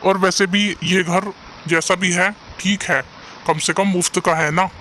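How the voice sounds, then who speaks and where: An earnest poor young husband. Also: male voice, high-pitched, fairly even intonation, measured pace, sharp tone, slight background noise. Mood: reassuring. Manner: earnest, sometimes despairing. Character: poor young male junk seller, caring and hopeful. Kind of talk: cartoon voice acting.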